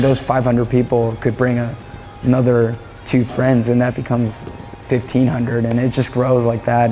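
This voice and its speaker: A man's voice: mid-range voice, a little mellow. A man from Japan, a band musician, talking casually in an interview in a rambling way, often repeating phrases and restarting.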